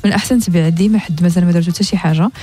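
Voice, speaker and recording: A woman's voice: fairly low pitch, rapid-fire, dark tone, slightly rough. A woman with a Moroccan accent telling a story conversationally on the radio, mixing in French words. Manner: mixes French into her speech. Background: faint music.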